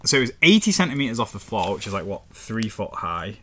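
A man's voice: lowish voice, sing-song, fairly quick, bright, forceful tone, slight background noise. A man with a northern English accent, chatting casually and swearing as he reads out history facts. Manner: rambling and sweary, reading facts aloud. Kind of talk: casual chat.

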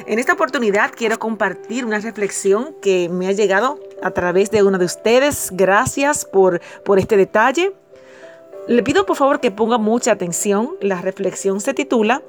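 A woman's voice: mid-range voice, expressive, normal speed. A woman hosting a devotional program, reading a parable and preaching earnestly to her listeners. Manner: earnest, direct address to listeners. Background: faint music.

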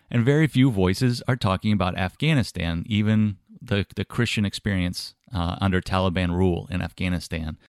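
A man hosts an interview podcast with a low, smooth voice. He asks his questions in an earnest, measured way. The recording is close and dry, with no room sound. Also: no echo. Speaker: podcast host.

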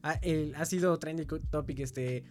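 A man's voice: a little high, normal speed, a little mellow. Slangy Mexican man, casual chat. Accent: Mexican Spanish. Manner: slangy, rambling, frequent fillers. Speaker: podcast co-host.

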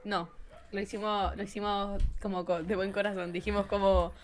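A woman's voice: medium pitch, slight background noise. A young woman with a Chilean accent, telling anecdotes in a casual podcast chat. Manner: fast, animated storytelling. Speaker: podcast co-host.

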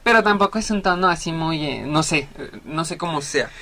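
Joking Mexican man with a bright voice. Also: on the high side, fairly quick, a little hiss or hum. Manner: relaxed, joking, trails off mid-sentence. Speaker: podcast host. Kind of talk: casual podcast chat.

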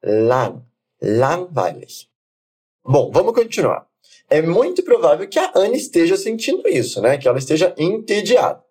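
A man teaching German, saying phrases slowly for the learner to repeat and then explaining them quickly. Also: sits high, big pitch swings, darkish tone. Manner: slow, deliberate model phrases alternating with quick explanations. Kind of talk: language lesson with repeat-after-me drills.

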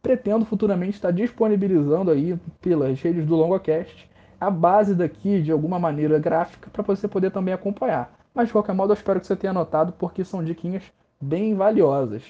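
A man with a Brazilian Portuguese accent hosting a casual podcast lesson on literature, relaxed and slangy, joking at his own expense as he explains. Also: sits high, fairly quick, dull audio. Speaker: literature teacher and podcast host.

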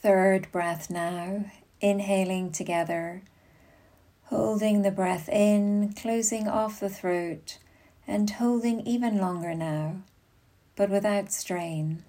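Soothing and unhurried, a woman leads a guided yoga nidra meditation, letting long pauses settle between her instructions. She has a mellow, medium-pitched voice with fairly even intonation.

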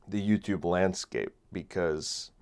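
A man's voice: deep voice, fairly even intonation, takes it slowly, a little mellow, clear, resonant tone. A man in his late twenties hosting a casual solo podcast, rambling with many fillers and restarts, recorded on a microphone. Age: late 20s. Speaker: podcast host. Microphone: phone camera and separate microphone.

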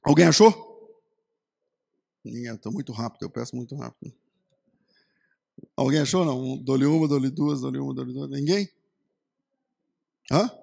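A man's voice: medium pitch, moderate pace, vocal fry, long pauses, warm tone, breathy edge. A man with a Brazilian Portuguese accent preaching a sermon, telling stories with quoted voices and building to emphatic lists. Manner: storytelling with acted quotes, rising to emphatic lists. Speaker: pastor.

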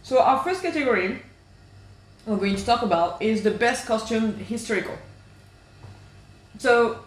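A woman co-hosting a casual podcast chat from her kitchen, talking in quick restarts and laughing as she goes. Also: on the high side. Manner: chatty, restarts often, laughs while talking. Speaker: podcast co-host. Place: home kitchen. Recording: echoey kitchen.

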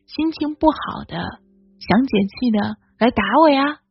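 A woman's voice: a little high, animated, a little slow, vocal fry, breathy edge, no room sound, lo-fi sound, soft background music, full character voice. A woman voicing a sly but devoted young male fox in a storybook reading, coaxing and playful. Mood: earnest.

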